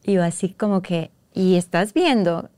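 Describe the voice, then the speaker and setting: A woman from Guatemala, a guest in an interview, recounting a hard personal story in a halting, emotional way, often restarting and retelling past conversations. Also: fairly low pitch, mellow, dry recording.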